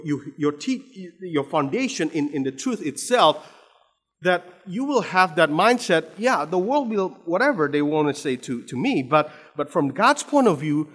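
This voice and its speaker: Preaching in a hall with long reverb, an Indonesian-accented man from Indonesia has a voice on the high side. He keeps restarting and repeating words, and his sermon builds to emphatic stress.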